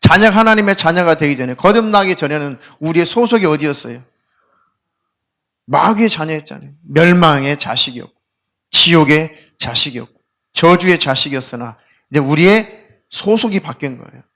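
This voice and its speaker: A male pastor delivers his Sunday sermon in a church sanctuary. His fairly high voice swings widely in pitch. He mixes earnest exhortation with humorous, acted-out asides. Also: moderate pace. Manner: lively, humorous preaching with acted inner voices; leads the congregation in call-and-response scripture reading. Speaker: senior pastor.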